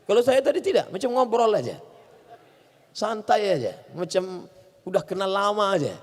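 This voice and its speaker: A man's voice: high voice, big pitch swings, normal speed, a little hiss or hum. A man preaching a humorous sermon, telling stories and acting out voices and sounds. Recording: reverberant hall.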